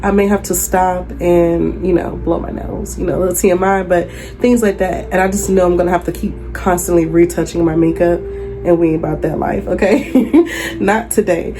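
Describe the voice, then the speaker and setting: A young woman with a cold-stuffed nose reads tarot cards in her bedroom for a casual vlog while jazz plays. Chatty and affirming, she often checks in with the viewer with "okay?", speaking at normal speed in a fairly low, steady, warm voice.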